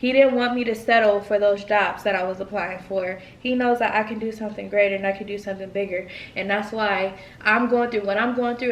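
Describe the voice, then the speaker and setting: A woman's voice: medium pitch, a little hiss or hum. A woman in her twenties talking casually to camera over a meal, encouraging her viewers and calling them y'all. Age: 20s. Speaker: vlogger. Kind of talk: casual mukbang talk to camera. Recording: echoey room, far from mic.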